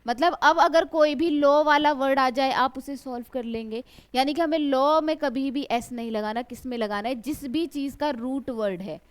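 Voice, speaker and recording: A woman giving a grammar lesson in a classroom style. She asks a question, answers it herself, and slowly draws out the example words. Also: high voice. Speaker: English grammar teacher. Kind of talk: classroom lecture.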